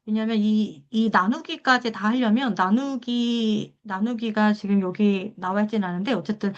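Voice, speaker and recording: A woman's voice: mid-range voice, normal speed. A middle-aged woman giving a public lecture on drama therapy counseling, explaining the method step by step and acting out short exchanges as she goes. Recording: dull lo-fi lecture recording.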